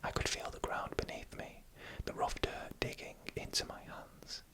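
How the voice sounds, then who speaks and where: Whispering without voice in ASMR style, a narrator reads a frightening tale slowly and carefully, pausing between short phrases.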